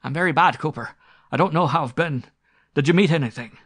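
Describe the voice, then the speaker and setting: A man's voice: medium pitch, normal speed, vocal fry, a bit bright, pitched above the performer's own voice. Man acting a blustering, fearful country squire. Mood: frightened, pleading. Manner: blustering, rustic, emphatic speech.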